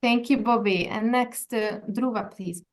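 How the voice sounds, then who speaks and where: A woman's voice: on the high side, a little slow. A woman chairing a video call meeting and leading the introductions, polite and procedural with some fillers. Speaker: education department director, meeting chair.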